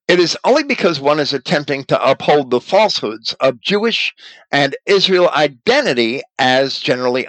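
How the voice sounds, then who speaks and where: A man giving a measured, deliberate lecture on scripture and language, now and then pausing to correct himself. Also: medium pitch, a bit bright, no echo, rough recording.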